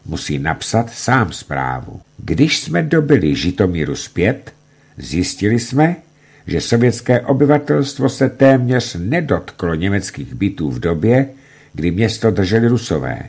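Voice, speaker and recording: A man reading a documentary book aloud in a measured, expressive way. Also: lowish voice, vocal fry, slightly rough. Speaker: reader.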